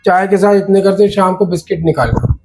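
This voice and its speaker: A woman's voice: lowish voice, fast talker, vocal fry, music in the background. A woman acting a teasing, whiny partner in a comedy sketch. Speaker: comic actress.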